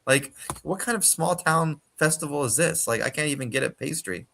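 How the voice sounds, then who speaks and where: A man's voice: a little high, normal speed, creaky, bright, forceful tone, slight background noise. A man voicing a young human woman who complains and rambles with fillers in a tabletop game. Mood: grumbling.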